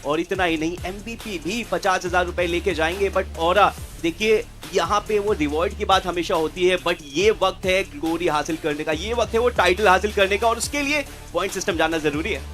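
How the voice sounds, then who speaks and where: A man co-casting a live esports final, excited and building drama around the teams and prize money. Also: sits high, normal speed, hardly any pauses, faint music behind. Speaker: esports co-caster. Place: live arena event.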